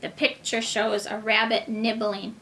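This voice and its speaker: Woman, kindergarten teacher, slightly high voice, unhurried deliberate phrasing, reading-to-a-toddler manner. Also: level tone, bright, forceful tone, slight background noise, rough recording. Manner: simple, deliberate phrasing addressed to small children. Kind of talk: children's reading lesson, as if reading to a toddler.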